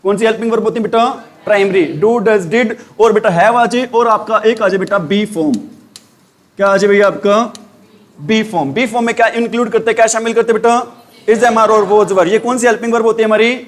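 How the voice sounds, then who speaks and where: Hindi-accented male teacher, middle-aged, higher voice, drilling rules by call and answer. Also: steady tone, a little fast. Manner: quizzing students with repeated questions, calls them beta. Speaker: English teacher. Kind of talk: classroom grammar lesson.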